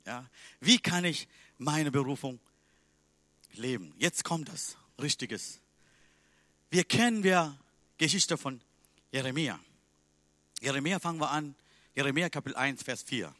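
A man preaching a sermon in a language that is not his first, emphatic and swinging between loud and quiet. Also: medium pitch, lively intonation, measured pace, pauses often, dry recording.

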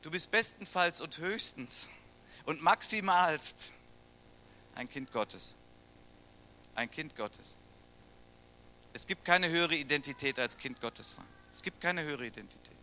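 Bright-voiced German pastor preaching. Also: male voice, a little high, expressive, moderate pace, slight background noise. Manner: conversational, asks the congregation questions. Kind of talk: sermon.

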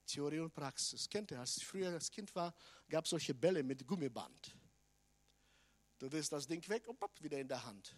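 Male preacher, high voice, emphatic church sermon. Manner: emphatic, swings from loud declarations to quiet asides.

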